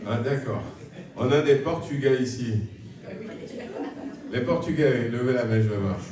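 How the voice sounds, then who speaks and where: A man's voice: mid-range voice, unhurried, a crowd in the background. A man giving church announcements to the congregation in a hesitant, friendly way, with many filler sounds. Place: large church hall, indoors. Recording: very echoey church hall, from far off.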